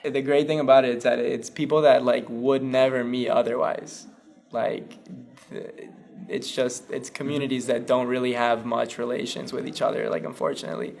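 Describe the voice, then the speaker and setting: A man's voice: mid-range voice, fairly even intonation, normal speed, gravelly, darkish tone. A young man from Colombia talking casually in an interview, with many fillers. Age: young adult. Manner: casual, filler-heavy, upbeat. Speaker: student in the program. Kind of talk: interview testimonial.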